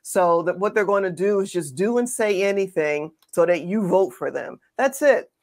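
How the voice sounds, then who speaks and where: A woman's voice: fairly low pitch, animated, normal speed, a little mellow. A woman co-hosting a political commentary show, speaking emphatically and sarcastically and addressing her audience directly.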